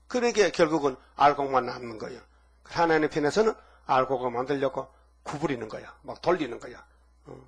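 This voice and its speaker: A man's voice: mid-range voice, breathy edge. An older man preaching a sermon in a folksy, conversational way, firing off rhetorical questions and acting out quoted lines. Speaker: pastor.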